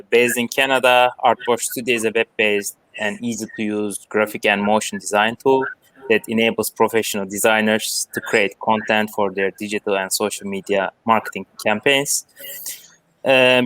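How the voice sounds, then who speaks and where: Low-voiced host with a dry sound. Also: male voice, fairly bright tone, no echo, poor audio. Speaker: host introducing guests. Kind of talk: brief event introduction.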